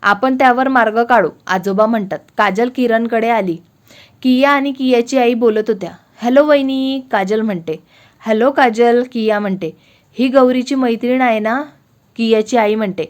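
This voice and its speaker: A woman with a Marathi accent reads a family story aloud, slightly high-pitched. She speaks every character's lines in her own voice rather than changing it. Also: normal speed. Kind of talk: scripted narration of a family story.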